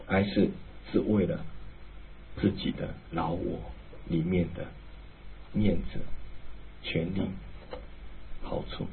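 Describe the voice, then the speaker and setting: A male pastor preaching a sermon, emphatic and animated, then dropping to a hushed, low tone. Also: slight background noise. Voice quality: very husky. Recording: tinny phone-like, lo-fi.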